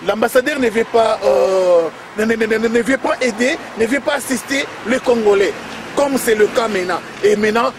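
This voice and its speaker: Pressing male interviewer with a high voice. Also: normal speed. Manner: rhetorical, pressing questions. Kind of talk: street interview. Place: outdoors on a city street. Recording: street noise and traffic behind.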